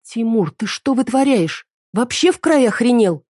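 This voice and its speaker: A woman's voice: fairly high pitch, animated, moderate pace, dry recording, studio quality, voice pushed up. A woman voicing a wife who sharply scolds her unfaithful husband. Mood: reproachful. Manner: sharp, reproachful. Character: stern wife, angry and hurt at her husband.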